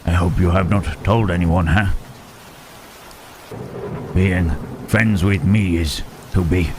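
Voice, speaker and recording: A man playing a lonely, humble, gentle-hearted monster in an intimate ASMR roleplay, speaking haltingly and repeating his words with murmured questioning tags. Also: low voice, steady tone. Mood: humbled, disbelieving. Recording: rain and thunderstorm noise behind. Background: rain and thunder.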